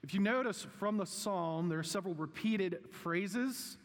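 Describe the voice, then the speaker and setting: Higher-voiced man preaching in a reverberant hall. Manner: measured, deliberate phrasing with frequent pauses and questions to the listeners. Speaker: pastor preaching to a congregation. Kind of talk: sermon, conversational teaching. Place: large reverberant room, preaching live.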